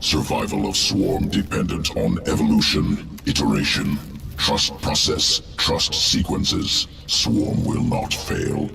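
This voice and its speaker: Game creature: clinical insect alien, very gravelly, clipped telegraphic speech, slightly distant. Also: male voice, a bass voice, big pitch swings, takes it slowly, fairly bright tone, echoey room, faint music behind, heavily acted. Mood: cold, analytical. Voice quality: gravelly, guttural. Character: cold, calculating insect alien evolution scientist. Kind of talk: video game voice acting.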